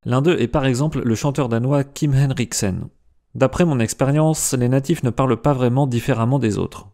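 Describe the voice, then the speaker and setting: A man with a mellow, warm voice narrates a language lesson in a lively scripted way. He slows right down to sound out example words one syllable at a time. His pitch sits in an ordinary middle range. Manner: lively explainer, slows to spell out pronunciations. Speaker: language video host.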